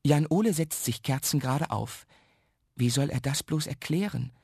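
A man narrating a children's radio story with lively, expressive storytelling. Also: on the high side, normal speed, creaky, slightly rough, no room sound, studio quality.

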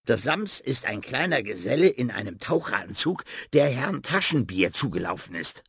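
A man narrating a children's story in a lively storytelling manner. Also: medium pitch, moderate pace, vocal fry, husky, dry recording, clean studio sound.

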